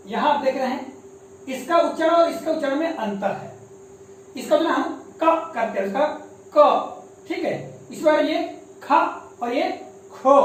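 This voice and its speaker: High-voiced man teaching in an echoey room. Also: distant mic, slight background noise. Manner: patient, explanatory, often checks in with a quick "okay". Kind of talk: spoken grammar lesson. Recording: very echoey room, voice away from the mic.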